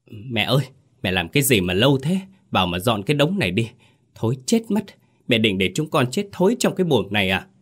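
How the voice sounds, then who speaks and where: Guy doing spoiled brat son whining fast. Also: medium pitch, big pitch swings, fairly bright tone, breathy edge. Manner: whiny, fast, demanding.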